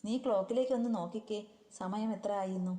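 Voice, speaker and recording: Bossy caring big sister type, a lady reading her lines, mellow voice, echo tail. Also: medium pitch, fast talker, lightly acted. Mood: teasing. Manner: coaxing yet scolding. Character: caring, firm older sister-in-law.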